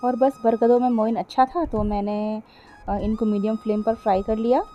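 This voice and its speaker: A woman's voice: fairly high pitch, steady tone, moderate pace, dark tone, lo-fi sound, faint music behind. A middle-aged woman narrating a cooking vlog, chatty, explaining each step and often speaking straight to her viewers. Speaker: cooking vlogger. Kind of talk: casual voice-over cooking vlog.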